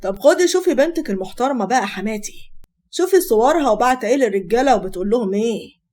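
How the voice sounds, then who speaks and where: A woman's voice: a little high, animated, racing, darkish tone. A woman with an Egyptian accent voicing a wronged young husband, curt and cold. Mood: bitter.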